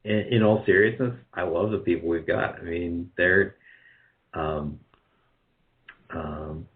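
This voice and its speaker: This interview guest, a radio drama producer, talks slowly in a low, steady voice. He rambles and hesitates as he thinks out loud in casual conversation, heard through muffled, band-limited call audio.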